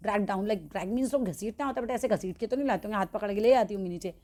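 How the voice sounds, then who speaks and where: A woman's voice: mid-range voice, mellow. Indian woman teacher explaining a story. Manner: explains line by line, reading the English slowly. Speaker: English teacher. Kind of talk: bilingual classroom lesson.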